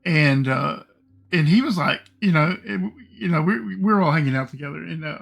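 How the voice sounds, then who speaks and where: A middle-aged man streaming his game and telling a long personal story in a rambling, halting way, full of fillers and swearing. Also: on the high side, lively intonation, gravelly, a bit bright. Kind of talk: casual storytelling while gaming.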